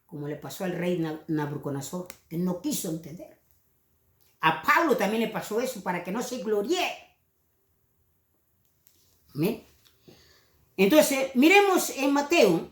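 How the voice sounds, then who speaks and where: A woman's voice: medium pitch, roomy sound. Impassioned woman preaching a sermon. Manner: impassioned, mimics other preachers mockingly.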